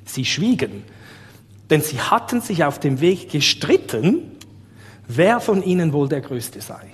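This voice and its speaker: A man's voice: on the high side, very animated, unhurried. A man preaching a sermon with a Swiss German accent, talking conversationally and asking his listeners rhetorical questions. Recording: long reverb of a large hall.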